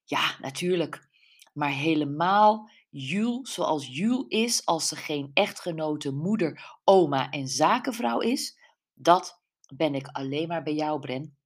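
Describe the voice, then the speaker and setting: A woman voicing a lively, affectionate woman in her forties in an audiobook. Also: sits low, slow pace, full character voice. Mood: fond. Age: 40s. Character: lively woman near fifty, a warm best friend.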